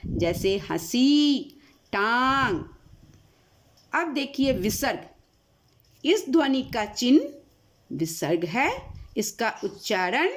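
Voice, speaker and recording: A woman teacher giving a grammar lesson, asking questions and answering them herself in a slow, deliberate way. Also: medium pitch. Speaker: school teacher.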